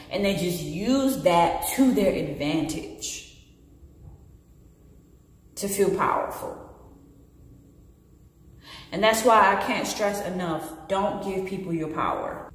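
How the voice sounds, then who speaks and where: A woman in her late twenties speaks openly and earnestly in a personal vlog, her hands moving as she talks. Her voice sits at an ordinary middle pitch. It rings around a bare, very echoey room with a long reverb tail, picked up by the camera's own mic. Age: late 20s. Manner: earnest, expressive, gestures with hands while talking. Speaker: vlogger. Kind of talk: candid personal vlog talk.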